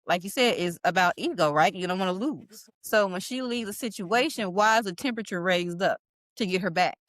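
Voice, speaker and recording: A woman's voice: mid-range voice, a little fast, fairly bright tone, dry recording. Woman asking pointed podcast questions. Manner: probing, asks pointed questions. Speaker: podcast co-host. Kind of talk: casual group discussion.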